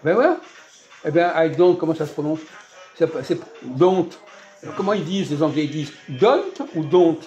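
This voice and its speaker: A man leads a casual, teacherly chat in a fast-food restaurant. His voice sits a little high, and he quizzes his guest with repeated questions and sudden emphatic bursts. Faint music plays behind him. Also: darkish tone.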